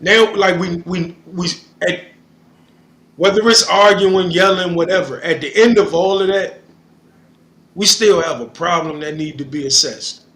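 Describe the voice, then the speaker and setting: Bright-voiced man in an echoey room. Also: sits high, measured pace. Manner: earnest, repeats himself while working through a thought. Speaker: guest co-host. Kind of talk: casual chat.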